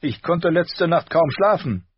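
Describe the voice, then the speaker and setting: A man's voice: on the high side, expressive, a little slow, slightly rough, no echo, voice pushed up. Whiny cruel boy prince, guy doing the voice, storybook, muffled dry sound. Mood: cruel gleeful. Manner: whiny, petulant. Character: spoiled cruel boy prince, sulky and petulant.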